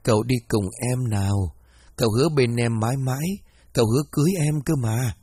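A soft-spoken young ghost woman, as a male narrator puts her on, coaxing and gentle in a spoken horror tale. The voice is husky and breathy, recorded dry and close. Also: medium pitch, brisk, no room sound, natural voice.

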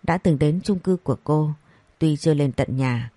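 A woman narrating a scripted story, reading each character's lines in the same even voice. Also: low-pitched, moderate pace, dry recording. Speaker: audiobook narrator.

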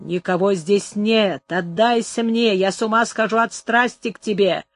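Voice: moderate pace, lightly acted. A narrator voicing an obsessed, violent man who hisses and whispers his threats, in a dramatized audiobook. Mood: pleading. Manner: low hissing whispers breaking into threatening shouts. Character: obsessed, violent young man, passionate and menacing.

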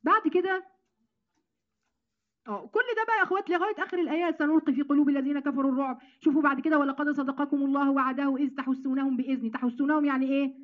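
A woman with an Egyptian accent giving an animated Quran lesson to women, addressing them as sisters. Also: high voice, very fast, phone-quality sound. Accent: Egyptian Arabic. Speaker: Quran teacher.

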